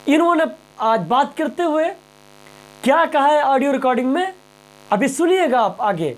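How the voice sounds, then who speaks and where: A man with a very high voice delivers impassioned news commentary directly to viewers, captured on a low-quality recording. He is emphatic and rhetorical, repeating phrases and questions.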